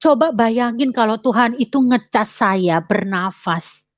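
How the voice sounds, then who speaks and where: A woman voicing a grateful rich man in his seventies, slow and earnest, in her own voice. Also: a little high, expressive, no room sound. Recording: dry, slightly dull lo-fi sound.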